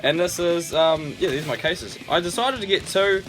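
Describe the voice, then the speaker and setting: A young male vlogger films a casual unboxing video in a high voice at normal speed. He is excitable, swears a lot, and breaks into loud bursts of delight, with music in the background.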